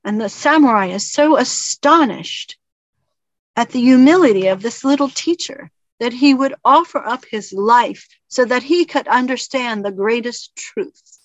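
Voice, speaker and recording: A woman's voice: a little high, measured pace, no room sound. A woman minister giving a reflective sermon in an earnest storytelling manner. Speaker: spiritual minister and teacher. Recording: dull lo-fi recording.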